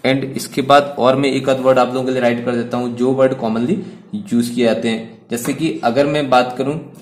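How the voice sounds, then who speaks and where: A man teaches grammar in Hindi sprinkled with English words, posing questions and answering them himself. His voice sits mid-range, with flat delivery at a normal speed, and the English words carry an Indian accent.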